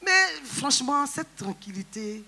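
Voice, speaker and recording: A woman's voice: high voice, very animated, pushed and bright. A woman giving a personal testimony in a church service, earnest and recounting. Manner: earnest, recounting, quick replies.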